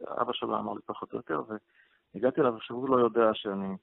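Radio guest, male rabbi, dry close phone sound, rough gravelly voice, halting storyteller. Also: mid-range voice, fairly even intonation, no room sound. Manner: hesitant, with frequent fillers and restarts. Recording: tinny phone-line radio audio.

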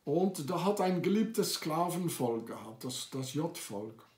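A man's voice: fairly high pitch, expressive, slow, echoey room. A man delivering an accusatory, insistent monologue to camera, with frequent hesitations. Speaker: video maker. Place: lives in France.

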